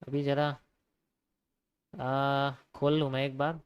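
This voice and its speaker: A man's voice: mid-range voice, level tone, slow pace, smooth, no room sound. A young man giving a casual live lesson on trading, repeating his points and calling viewers bro. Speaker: trading teacher.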